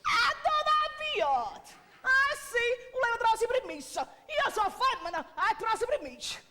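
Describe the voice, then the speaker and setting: Woman playing a very high, swooping Neapolitan lady. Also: very animated, a little slow, sharp tone, slight background noise, full character voice. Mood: insistent, amused. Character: forward, chatty Neapolitan woman asking to get past. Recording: music behind.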